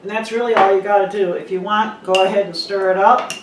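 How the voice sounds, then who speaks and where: A woman's voice: medium pitch, fairly even intonation, fast. A middle-aged woman hosting a casual, easygoing recipe demonstration in an echoey home kitchen. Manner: easygoing, informal. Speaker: cooking video host. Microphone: camera mic from a distance. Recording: echoey kitchen, distant mic, background noise.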